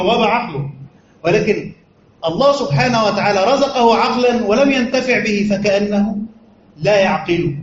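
High-voiced Egyptian sheikh teaching in echoey room. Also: male voice. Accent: Egyptian Arabic. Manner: explains step by step, asking the class rhetorical questions. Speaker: sheikh teaching Quran commentary. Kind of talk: religious lesson. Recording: roomy, muffled recording with faint noise.

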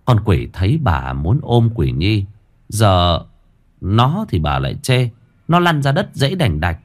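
A man narrating a ghost story in an expressive storytelling manner. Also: fairly low pitch, unhurried.

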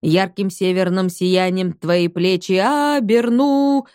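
A woman's voice: mid-range voice, lively intonation, moderate pace, dry recording, studio quality, lightly acted. A woman voicing a stubborn old grandmother who answers evasively and wails songs off-key. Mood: wailing song.

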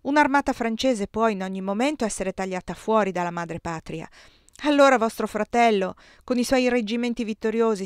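A woman reading the part of a grave, composed male general in an audiobook, speaking low, subdued and earnest. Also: smooth, no room sound, clean studio sound, close to an everyday voice.

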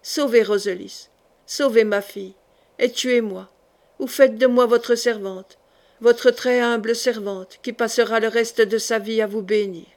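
A woman's voice: fairly high pitch, fairly even intonation, unhurried, darkish tone. A woman reading the part of a desperate, grieving noble mother in an audiobook, pleading and fierce.

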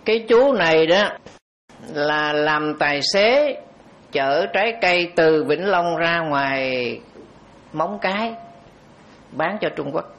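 A Buddhist monk tells a story during a dharma talk, his voice sitting a little high for a man. He talks conversationally and turns to the audience directly. The recording is dull and lo-fi. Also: animated, slow pace, pauses often, fairly bright tone.

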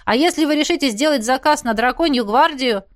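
Woman voicing a high-pitched bragging gnome inventor. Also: fairly quick, a bit bright, no echo, clean studio sound. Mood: boastful. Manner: boastful sales-pitch patter, whiny. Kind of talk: audiobook character voice.

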